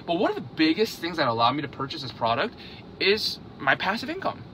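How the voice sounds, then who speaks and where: A man in his thirties talks straight to camera in a casual vlog, his fairly high voice bright and pushing forward. His pitch jumps around a lot, and he tacks an "okay?" onto nearly every point. A faint vehicle hum sits low in the background. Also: a little fast. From South Korea, raised in Hungary. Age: 30s. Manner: animated, checks in with "okay?" after most points. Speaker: vlogger on investing. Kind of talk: casual direct-to-camera talk.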